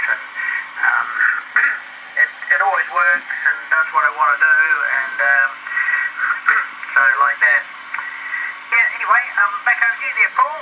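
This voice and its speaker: Kiwi ham operator on a hissy radio link breaking up, highish voice, clears his throat a lot. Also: muffled recording. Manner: unhurried, halting, clears throat often. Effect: heard over a crackling ham radio receiver, signal breaking up. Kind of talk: ham radio contact chat. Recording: noisy received radio signal.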